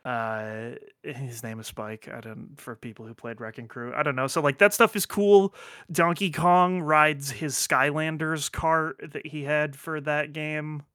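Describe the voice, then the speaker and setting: A man's voice: fairly high pitch, fairly even intonation, measured pace, fairly bright tone, clear, resonant tone, dry recording, clean studio sound. A man hosting a podcast in casual chat, rambling with lots of fillers, restarts and offhand swearing. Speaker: podcast host.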